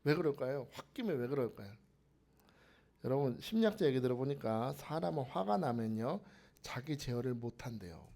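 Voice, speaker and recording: A man's voice: medium pitch, sing-song, normal speed, vocal fry, mellow. A man preaching a sermon to a congregation, asking them rhetorical questions and dropping to a whisper for emphasis.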